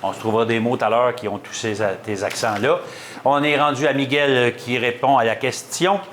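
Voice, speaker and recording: A man with a Québécois accent hosting a school quiz game, reading questions and ruling on answers at a quick clip. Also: mid-range voice, fairly even intonation, fairly bright tone, a little hiss or hum. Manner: brisk, quick-paced quizmaster, reads questions and rules on answers. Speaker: quiz show host.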